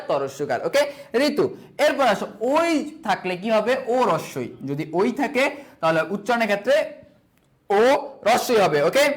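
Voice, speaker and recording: A young man teaching an online exam-prep class, asking his own questions, answering them and repeating each rule. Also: high voice. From Bangladesh. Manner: sprinkles English fillers like "okay" and "so".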